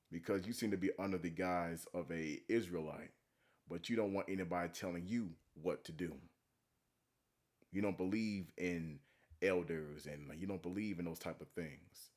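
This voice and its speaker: A man's voice: sits low, moderate pace, darkish tone. A man giving casual, blunt, profane reaction commentary as he preaches about scripture. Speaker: commentary video host.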